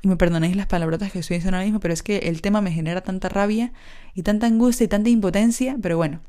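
A woman's voice: medium pitch, very fast, mellow. A young woman tells her own story in a casual, unscripted way. She sounds frank and exasperated and swears freely. Her talk is full of fillers and asides. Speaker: podcaster telling a personal story.

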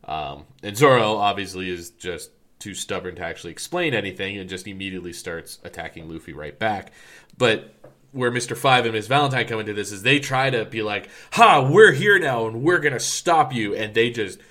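A man's voice: fairly low pitch, fairly quick, bright, forceful tone. A man co-hosting a casual podcast, rambling with lots of fillers and restarts. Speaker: podcast co-host.

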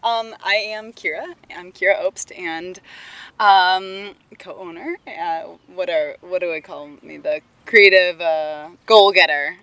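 A woman with a slightly low voice talks casually as an interview guest. She is outdoors and speaks in an informal, somewhat halting way. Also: a bit bright. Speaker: interview guest, Pilates studio co-owner.

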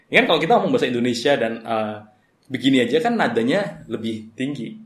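A man's voice: medium pitch, lively intonation, fast. Man from Semarang with a Javanese accent, in a roomy echo. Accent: Central Javanese (Semarang). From Semarang, Central Java. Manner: code-switches Indonesian, Javanese and English. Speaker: podcast co-host. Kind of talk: casual podcast chat. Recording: echoey room.

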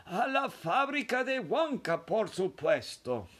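A man voicing an excited, secretive old grandfather telling a boy a hushed story. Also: high-pitched, takes it slowly, voice pushed up, heavily acted. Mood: conspiratorial. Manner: hushed, conspiratorial, emphatic.

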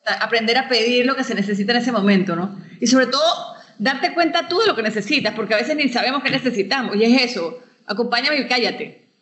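A woman hosting a relaxed podcast chat. She backs up her guest's points, restates them in her own words and steers the talk toward its close. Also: on the high side, fast talker. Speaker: podcast host. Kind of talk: casual podcast conversation.

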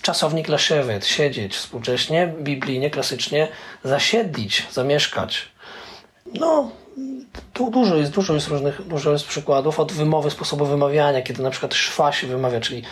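A man explaining things in an interview, pausing often with filler sounds as he thinks. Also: fairly high pitch, a bit bright. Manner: hesitant, many filler "e" pauses. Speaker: interviewee, Hebrew scholar. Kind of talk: conversational explanation.

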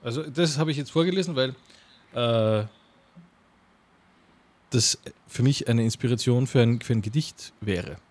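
A man reading a mock-solemn poem in a dry, deadpan, halting way. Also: medium pitch. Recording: music playing under the voice.

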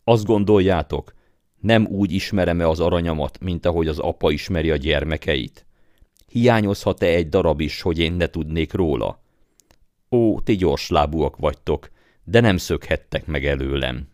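A man's voice: low voice, darkish tone, dry recording, clean studio sound, close to an everyday voice. A man voicing a frantic old male goldsmith in an audiobook, with a shaky, pleading voice and wailing, accusing outbursts. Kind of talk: audiobook character voice.

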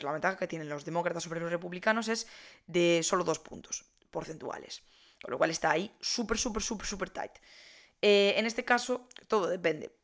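A young woman talks through a topic in a loose, conversational monologue. Her voice sits a little low for a woman. She fills pauses and often corrects herself as she goes. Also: a bit bright. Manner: chatty, many fillers and self-corrections. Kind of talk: casual explainer monologue.

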